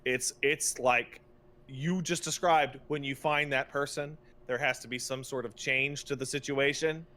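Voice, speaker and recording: A podcast co-host rants casually about video game plots, emphatic, exasperated and profane. His mid-range voice is bright and forceful, fairly even in intonation and a little slow.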